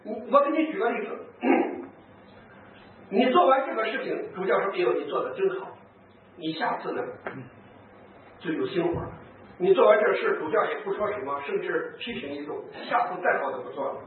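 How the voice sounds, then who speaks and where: Animated priest, distant echoey hall. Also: male voice, sits high, fairly quick, narrow, tinny audio, slight background noise. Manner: animated storyteller, acts out quoted speech, chuckles. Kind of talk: lively talk with anecdotes to priests and nuns.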